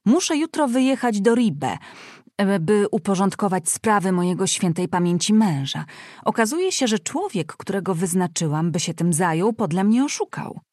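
A woman reading aloud, voicing a fussy, scolding older aunt who talks in an excitable, bossy way. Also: mid-range voice, normal speed, no echo, studio quality, natural voice. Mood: excited scolding.

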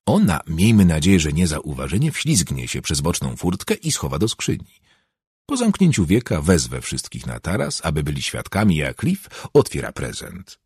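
Brief: reflective male storyteller, deep, dry close sound. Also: huge pitch swings, normal speed, darkish tone, slightly rough, no echo. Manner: reflective, first-person storytelling. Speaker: narrator. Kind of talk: audiobook narration.

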